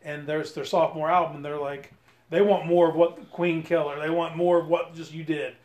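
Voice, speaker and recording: Slightly high-voiced man chatting, echoey. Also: little pitch movement, fairly quick, a little mellow. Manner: enthusiastic, profane, says "dude" and "man" a lot. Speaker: podcast co-host. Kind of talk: casual chat.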